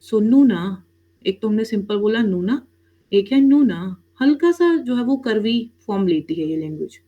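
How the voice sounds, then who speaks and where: A woman's voice: mid-range voice, animated, moderate pace, dark tone, lo-fi sound. A woman teaching an online Korean language class, who mixes in English words and keeps checking with her students. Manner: addresses students as "beta", frequent "theek hai?" checks.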